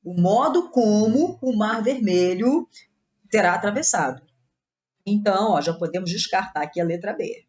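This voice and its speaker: A woman's voice: mid-range voice, lively intonation, moderate pace, a little mellow, muffled recording. A Brazilian woman teaching Portuguese grammar in an exam-prep lesson, explaining each step and checking in with her students as she goes.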